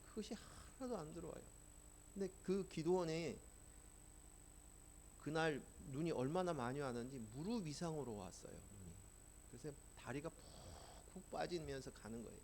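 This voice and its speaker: Gravelly-voiced Korean pastor preaching. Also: male voice, a little high, darkish tone, a little hiss or hum. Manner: earnest storytelling, rising emotional emphasis. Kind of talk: sermon with personal testimony.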